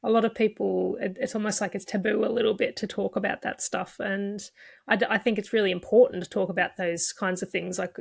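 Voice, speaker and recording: Gravelly-voiced woman podcast host, empathetic. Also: mid-range voice, steady tone, brisk. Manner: empathetic, chatty, laughs often. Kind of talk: casual conversational interview.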